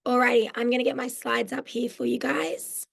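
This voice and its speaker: A mental health social worker in her forties, Australian-accented and croaky after losing her voice, explains mindfulness in a live online workshop over a video call. Her hoarse voice sits on the high side with a steady tone and a slightly fast pace, and she is friendly and explanatory with frequent "um"s.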